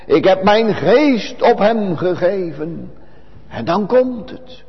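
Slow solemn high-voiced male preacher. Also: in a large hall, dull audio. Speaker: pastor. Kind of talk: sermon. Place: church.

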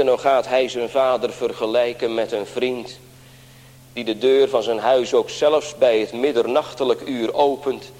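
A man delivering an earnest sermon from the pulpit, turning again and again to speak straight to his congregation. His mid-pitched voice carries a long church reverb that hangs behind every phrase. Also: a little mellow. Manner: earnest preaching, often addressing the congregation directly. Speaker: pastor.

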